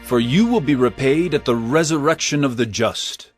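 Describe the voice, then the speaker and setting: An actor playing Jesus as an earnest teacher of parables in an audio drama, speaking in measured, emphatic oratory. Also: male voice, medium pitch, faint music behind, lightly acted. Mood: instructive, earnest. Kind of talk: audio drama Bible acting.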